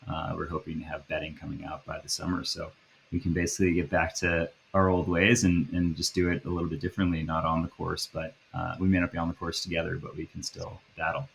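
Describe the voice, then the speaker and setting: A man in his thirties from the Boston area, talking casually as a podcast guest, with a relaxed, chatty flow and many fillers. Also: low voice, quick pace, gravelly, breathy edge. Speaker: guest, app founder. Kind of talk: casual interview chat.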